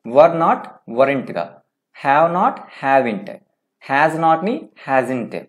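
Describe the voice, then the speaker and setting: A man teaching English grammar in a step-by-step lecture, reading out English forms slowly and often checking with "okay?". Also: mid-range voice, big pitch swings. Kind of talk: classroom lecture.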